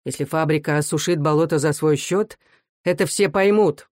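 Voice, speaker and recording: A reader voicing a young worker who speaks loudly and firmly for his comrades. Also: mid-range voice, normal speed, no echo, clean studio sound, lightly acted. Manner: loud, firm and plain-spoken. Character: young worker spokesman, firm and principled man. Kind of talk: audiobook character voice.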